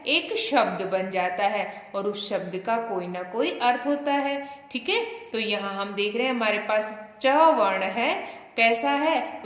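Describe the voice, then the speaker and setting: A woman's voice: on the high side, a bit bright. A woman teaching a class, explaining words patiently and asking her students questions. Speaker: Sanskrit teacher. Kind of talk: classroom lesson. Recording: echoey room with long reverb.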